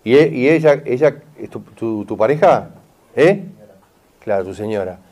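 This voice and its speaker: A middle-aged therapist with a Rioplatense Spanish accent guides a consultation with an audience member, insistently checking that he is understood and repeating "¿está bien?" and "mirá". His mid-range voice has lively intonation, a darkish tone, and a normal speed.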